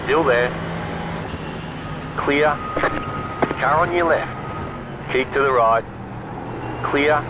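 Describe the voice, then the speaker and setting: A man's voice: on the high side, drawn-out words, long pauses. A man voicing a race spotter in a racing game, giving short, clipped radio-style calls about traffic and gaps. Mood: curt. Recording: loud race car engine noise.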